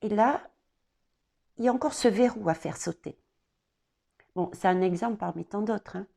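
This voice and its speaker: A woman giving an oracle card reading, talking straight to the viewer and pausing often on fillers. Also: mid-range voice, creaky, mellow. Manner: hesitant, many fillers and restarts, addresses viewers directly. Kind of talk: casual spoken card reading.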